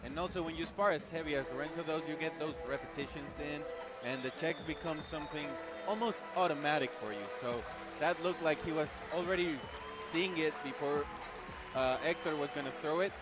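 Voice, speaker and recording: A man's voice: on the high side, brisk, over loud music. A man working as a fight commentator, giving analysis of mixed martial arts.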